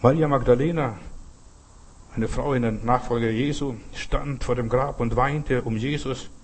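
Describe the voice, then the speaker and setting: A man's voice: mid-range voice, fairly even intonation, measured pace, husky. A man preaching a sermon, driving home his points with repeated rhetorical questions. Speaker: pastor.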